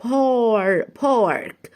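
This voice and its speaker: A woman's voice: a little high, a little mellow. A woman with an Egyptian Arabic accent teaching English vocabulary to children. She spells each word out syllable by syllable and has the listener repeat it after her. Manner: sounds out words slowly, syllable by syllable, and repeats them.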